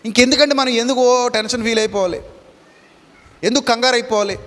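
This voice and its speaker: Male pastor, high voice, emphatic repetitive sermon delivery, long reverb. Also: fast, a bit bright. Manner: emphatic preaching, repeats phrases, mixes in English words. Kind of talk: Telugu sermon with Bible reading.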